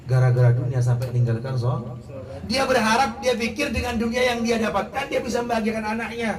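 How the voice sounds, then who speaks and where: A man's voice: a little high, far from the mic, background noise. A middle-aged man preaching an Islamic sermon. He asks the crowd questions and acts out the people he quotes. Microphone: wireless mic. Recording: echoey crowd room, voice from afar.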